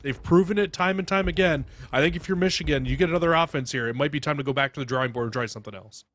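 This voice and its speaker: A man's voice: a little high, racing, a bit bright. A man giving live esports commentary and analysis as a caster, emphatic and opinionated, stressing points by repetition.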